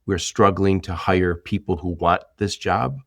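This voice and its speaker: A man hosts a casual interview and tells stories with lively asides. His voice sits very low. The sound is dry, with little room around it. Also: a little slow, dry recording. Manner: storytelling, animated asides. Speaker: podcast host.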